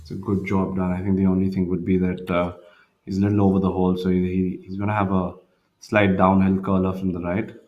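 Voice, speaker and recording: A man working as a golf commentator on a telecast, analysing each shot in a measured, slightly hesitant way. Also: low-pitched, completely flat delivery, lo-fi sound.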